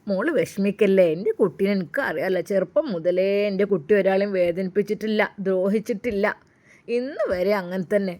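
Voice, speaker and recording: A woman voicing an elderly grandmother who gently soothes and reassures in a low, soft voice. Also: lightly acted. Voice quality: soft, lowered voice. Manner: coaxing, reassuring.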